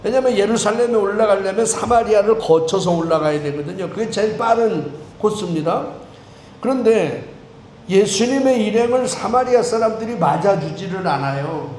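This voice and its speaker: Male priest, high voice, chatty joking sermon, roomy church sound. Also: lively intonation. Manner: conversational, joking with the congregation, quick swings between loud and soft. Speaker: Anglican priest. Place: church sanctuary. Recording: echoey church with faint room noise.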